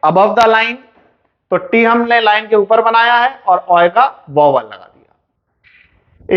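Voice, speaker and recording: A man teaching shorthand in a classroom lesson, explaining step by step and asking and answering his own questions. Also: sits high. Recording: dull, muffled lo-fi recording.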